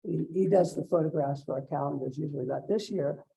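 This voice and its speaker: An older man giving an informal talk as a guest speaker, with a halting, unhurried, off-the-cuff delivery. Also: on the high side, vocal fry, warm tone, breathy edge, poor audio. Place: museum event room with audience.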